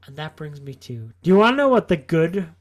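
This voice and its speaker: A man's voice: a little high, big pitch swings, fairly quick. A tipsy man co-hosting a podcast, rambling through a story with constant filler words. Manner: rambling, lots of filler likes. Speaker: podcast co-host.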